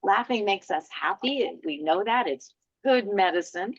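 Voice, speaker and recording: Gentle woman guiding a qigong class. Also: mid-range voice, animated, unhurried, no echo, dull audio. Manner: gentle, soothing, encouraging. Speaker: qigong instructor.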